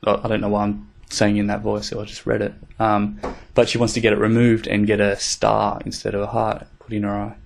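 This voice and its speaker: Podcast co-host, man, deep fry-edged voice, easygoing and profane. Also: monotone, fairly quick, a little hiss or hum. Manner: laid-back, swears, rambling with fillers. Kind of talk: casual chat.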